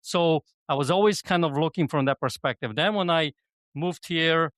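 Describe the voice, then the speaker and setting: A man's voice: on the high side, moderate pace, fairly bright tone, dry recording. A middle-aged man from Poland, a podcast guest and business coach, talking casually and rambling with lots of "you know what I mean". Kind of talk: casual conversation.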